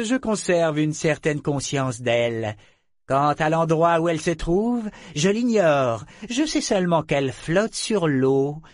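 A man voicing a haughty ancient female dragon who speaks slowly and with contempt. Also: fairly high pitch, dry recording, studio quality, pitched above the performer's own voice. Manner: slow, imperious, contemptuous.

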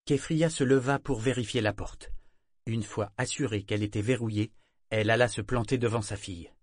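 A man narrating an audiobook in an even, measured way. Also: on the low side, dry recording, studio quality.

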